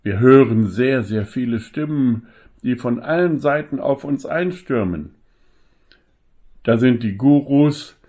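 A male preacher delivers a sermon in a slow, deliberate rhythm. His voice sits at an ordinary middle pitch. He leans on key phrases and poses rhetorical questions to the congregation. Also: a little mellow.

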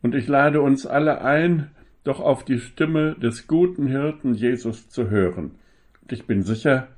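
Slow, emphatic male preacher. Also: medium pitch, darkish tone. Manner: slow, emphatic delivery with rhetorical questions. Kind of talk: sermon.

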